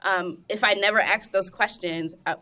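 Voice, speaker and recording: A young woman chemist, talking in a casual interview, animated and emphatic with frequent laughs and restarts. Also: mid-range voice, moderate pace. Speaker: guest, cosmetic chemist.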